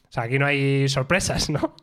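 A man's voice: mid-range voice, normal speed, fairly bright tone. A man with an accent from Spain hosting a casual tech podcast, colloquial and playful, talking straight to listeners. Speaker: podcast host.

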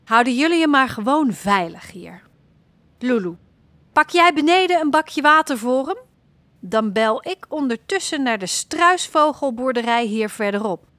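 Woman reading as a caring mother, reassuring, calmly in charge, slow, dry close voice. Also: sits high, dry recording, full character voice.

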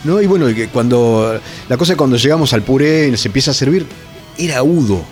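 A man's voice: medium pitch, lively intonation, quick pace, darkish tone, faint music behind. A man with a Rioplatense Spanish accent, a touring metal musician chatting as an interview guest, rambling through stories with restarts and tag questions. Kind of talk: casual interview chat.

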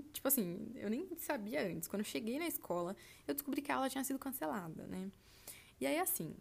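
A woman of about twenty, from Brazil, chatting casually on her podcast and telling listeners about her trip, full of fillers. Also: medium pitch. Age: turning 20. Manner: chatty, lots of fillers like "tipo assim", addresses listeners as "gente". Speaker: podcast host.

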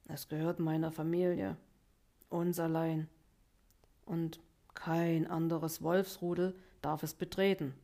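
A woman's voice: level tone, slow, warm tone. A woman voicing a proud, injured young male wolf in a storybook reading, brooding and terse. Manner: brooding, terse, low-spoken.

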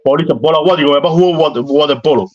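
A man's voice: a little high, very fast, darkish tone. Earnest Cuban man on a dull line. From Cuba. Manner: earnest, repeats tag questions. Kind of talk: casual heartfelt conversation.

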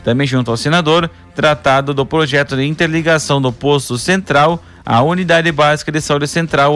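A man reads scripted local news as a presenter, in a formal announcer's delivery with measured phrasing. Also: a little high, fairly bright tone.

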